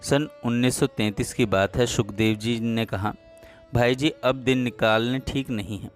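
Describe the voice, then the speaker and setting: A man narrating a devotional story in a calm, measured reading voice. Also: medium pitch, faint music behind.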